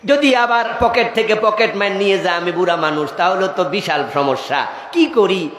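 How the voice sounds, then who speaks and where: A man's voice: sits high, moderate pace, fairly bright tone, echoey room, big-room sound. A man voicing a fussy, worried old village man who frets and then argues stubbornly. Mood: fretting. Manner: fretful, then stubbornly indignant.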